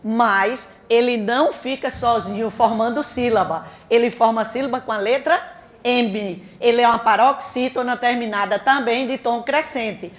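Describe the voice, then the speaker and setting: A woman with a Brazilian Portuguese accent teaching a grammar class for an exam, talking fast and quizzing her students with questions she then answers. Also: fairly high pitch.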